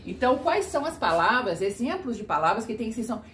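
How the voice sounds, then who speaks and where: A woman teaching German pronunciation as a patient teacher, demonstrating each sound slowly. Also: on the high side, very animated, fairly bright tone. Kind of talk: pronunciation lesson. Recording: echoey room with faint noise.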